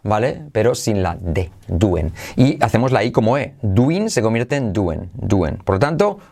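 A man's voice: fairly low pitch, big pitch swings, a little slow, gravelly, mellow. Guy teaching english phrases, upbeat, repeats every line a bunch. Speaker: English teacher, channel host. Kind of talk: podcast lesson in Spanish.

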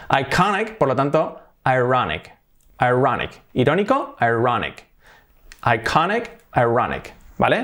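A man from Spain with a Spanish accent, teaching English pronunciation in a casual lesson, repeating words slowly and chuckling now and then. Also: fairly high pitch. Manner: lively, repeats words with drawn-out emphasis, chuckles.

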